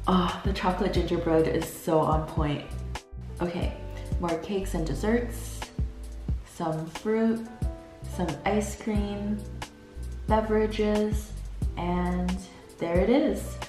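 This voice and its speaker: A woman's voice: lowish voice, takes it slowly, roomy sound, over music. A young woman in her twenties chatting casually to camera in an upbeat vlog, laughing often. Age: 20s. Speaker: vlogger. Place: small indoor room.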